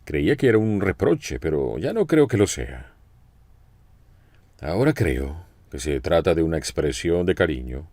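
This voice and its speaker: Male preacher, deep and animated, expressive sermon delivery, dry close recording. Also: measured pace, dry recording. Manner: expressive storytelling with questions to listeners.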